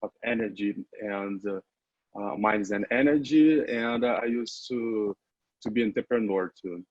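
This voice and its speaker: A man's voice: on the low side, a little slow, dry recording, muffled recording. A man from Brazil, a graduate student, giving a hesitant self-introduction on a video call and repeating words.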